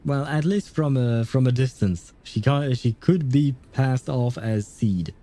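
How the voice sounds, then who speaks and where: A male gaming streamer with a mellow, mid-pitched voice. He comments casually on his playthrough, often hesitating as he thinks aloud. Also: unhurried.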